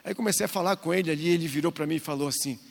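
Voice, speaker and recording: Co-leading a church marriage talk, a man in his forties tells family stories and playfully acts out the dialogue. His voice is a little high and gravelly, and he talks rapid-fire. The hall is echoey, with long reverb.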